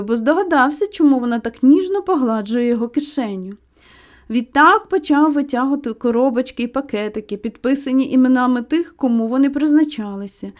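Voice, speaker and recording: A woman narrating an audiobook of a classic novel with expressive reading. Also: high-pitched.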